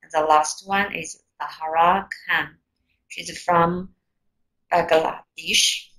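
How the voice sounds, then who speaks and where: A woman from China leading the affirmative team in a student debate, speaking formally and deliberately. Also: fairly low pitch, steady tone, a bit bright, poor audio. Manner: careful and deliberate, formal addresses.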